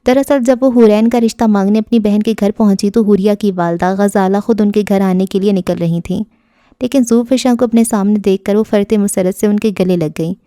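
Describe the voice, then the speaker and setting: Warm-voiced woman narrating a romance novel. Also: medium pitch, fairly even intonation, dry recording, studio quality. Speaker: audiobook narrator.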